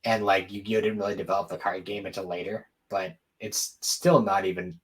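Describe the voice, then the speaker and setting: The recording is rough, and this male co-host's low voice barely shifts in pitch while he talks a little fast. He keeps it casual and offhand, chatting about anime and games.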